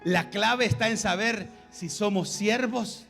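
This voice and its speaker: A man preaching a sermon as pastor, repeating phrases and swinging between loud calls and hushed lines. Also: high-pitched, slow pace, vocal fry, soft background music.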